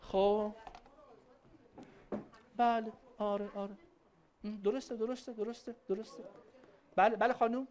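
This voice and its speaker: A woman giving a lively religious lecture on family and parenting to a live audience. She speaks conversationally and answers questions from the audience. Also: medium pitch, long pauses. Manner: emphatic, conversational, acting out quoted voices.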